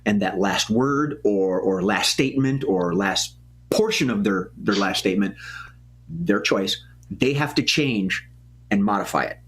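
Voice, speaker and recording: A man's voice: on the low side, lively intonation, unhurried, fairly bright tone. Chatty man emceeing an improv show. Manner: chatty, throat-clearing, calls games and suggestions. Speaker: improv host. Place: stage of a small TV studio.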